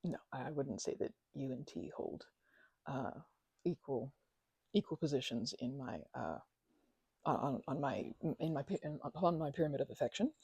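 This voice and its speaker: Her voice is very deep, gravelly, husky and dark in tone, yet animated and at a moderate pace. On a dry recording, she plays a chatty, affectionate housemate recovering from a migraine in a one-sided ASMR roleplay, teasing and stammering playfully.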